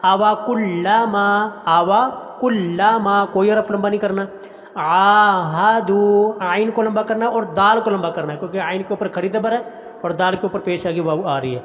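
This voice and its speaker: A man teaching a Quran recitation lesson, chanting words slowly and drawn out, then explaining pronunciation in quick plain talk. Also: high-pitched. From Pakistan. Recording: dull audio with long reverb.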